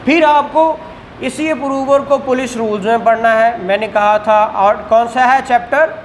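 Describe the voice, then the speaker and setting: Speaking unhurriedly in a very high voice, this Pakistani lecturer teaches law, mixing English legal vocabulary into his talk and answering his own questions. The whiteboard room gives the audio a spacious echo, with a little noise in the background.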